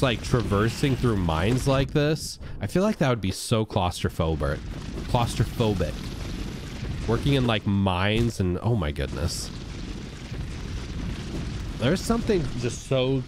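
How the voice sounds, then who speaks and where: A man streaming a video game, chatting casually and rambling while he greets and answers his viewers. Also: noisy background. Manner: animated, jumps into high excited outbursts. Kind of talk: casual live-stream gameplay chat.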